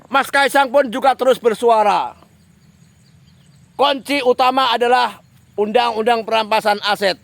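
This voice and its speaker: A man's voice: very high voice, fairly even intonation, normal speed, creaky, long pauses, a bit bright, no echo. A man giving a political commentary monologue, speaking straight to a politician and repeating phrases for emphasis. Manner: addresses a politician directly, repetitive emphatic phrasing.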